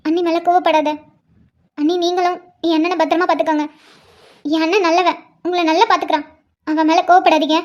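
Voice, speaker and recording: A woman's voice: very high-pitched, little pitch movement, a little fast, long pauses, a little mellow, muffled recording. A woman voicing a tearful young bride who pleads and says a tender goodbye to her brother in a cartoon. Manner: pleading, affectionate. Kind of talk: Tamil cartoon voice acting.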